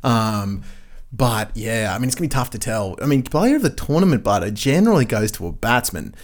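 A man's voice: medium pitch, very animated, fairly quick. A man co-hosting a casual sports chat, talking in a laid-back, slangy, matey way. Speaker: sports podcast co-host.

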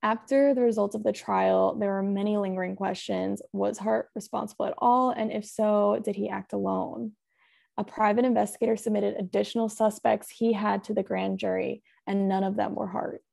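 A woman's voice: mid-range voice, little pitch movement, normal speed, gravelly, darkish tone. A young woman podcast host telling a true-crime case in a chatty, casual way, full of "like" and "um". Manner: chatty, full of "like" and "um", laughs often.

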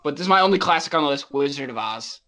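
A man co-hosting a casual podcast, talking in an animated, easygoing way. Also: a little high, fast. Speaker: podcast co-host. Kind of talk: casual chat.

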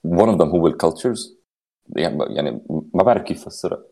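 A low-voiced man with a Lebanese accent and a dark, mellow tone speaks in casual podcast style. He moves freely between Arabic and English as he talks. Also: lively intonation, quick pace. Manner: mixes Arabic and English mid-sentence.

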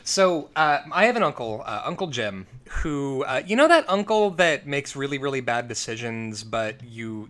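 A man's voice: mid-range voice, a bit bright. A man co-hosting a podcast who tells rambling stories in casual chat, full of fillers and restarts. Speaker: podcast co-host.

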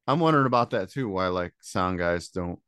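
Guest musician, male, from Michigan, low voice, relaxed and laughing, dry sound. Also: a little fast, clean tone, no echo. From Michigan, USA. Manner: easygoing, laughs often. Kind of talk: casual interview chat.

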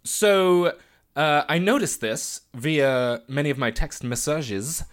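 A man in his thirties co-hosting a podcast in casual chat, animated and laughing often. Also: a little high, slow pace. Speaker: podcast co-host.

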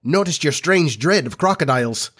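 Storybook sidekick: male reader as dim, loyal pirate boatswain, voice pitched up, eager to please. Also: lively intonation, moderate pace, a bit bright, husky. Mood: mild, innocent.

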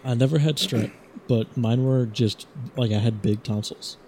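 A man's voice: mid-range voice, fairly even intonation, a little slow, mellow, a little hiss or hum. A young man in casual chat with a friend, teasing and chatty, often stumbling over his words as he restarts. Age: young adult. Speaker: podcast co-host.

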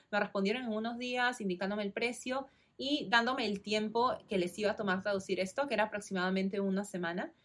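A Peruvian woman in her thirties, with a Peruvian Spanish accent, hosts a solo informative podcast. In a medium-pitched, slightly bright voice, she walks listeners through a process step by step in a friendly manner.

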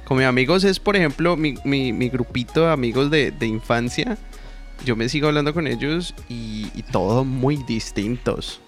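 A man's voice: mid-range voice, animated, normal speed, music in the background. A young man, a podcast guest, talking loosely in slang and poking fun at himself. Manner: loose, slangy, self-mocking. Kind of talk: casual chat.

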